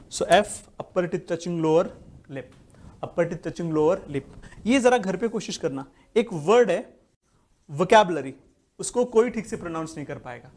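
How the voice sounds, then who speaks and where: A young man with an Indian accent, an English communication coach teaching a class. He mixes Hindi, Marathi and English and slows down deliberately to model phrases for the class to repeat. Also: a little high. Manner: speaks slowly and deliberately when modeling English, has the class repeat after him. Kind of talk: classroom lesson, drilling phrases.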